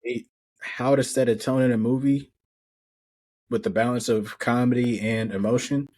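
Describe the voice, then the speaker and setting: A man co-hosting a casual movie review podcast, relaxed and agreeing. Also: mid-range voice, normal speed. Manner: relaxed, agreeing, short enthusiastic comments. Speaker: podcast co-host.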